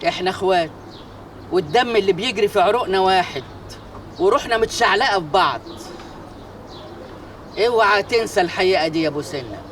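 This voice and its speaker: An actress as a proud older Egyptian matriarch. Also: female voice, mid-range voice, animated, fast talker, long pauses, fairly bright tone, recorded from a distance, slight background noise, natural voice. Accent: Egyptian Arabic. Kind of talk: TV drama acting.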